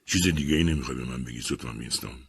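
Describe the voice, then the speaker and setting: A man's voice: very deep voice, gravelly, a little hiss or hum, pitched below the performer's own voice. A man voicing an insistent army captain and lawyer. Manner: firm, insistent, patient. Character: persistent male army captain and defense lawyer.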